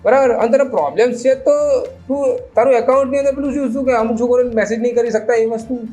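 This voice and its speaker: A man with a notably high voice rants through a meme reaction, sarcastic and mocking. He drops English phrases into his casual commentary and keeps a needling tone. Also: fast, dark tone, faint music behind.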